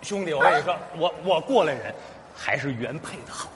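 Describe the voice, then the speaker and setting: A man in a stage comedy sketch, hurried and placating as he tries to calm people down. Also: fairly high pitch. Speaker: sketch comedian playing a station worker. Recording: reverberant stage hall, faint noise.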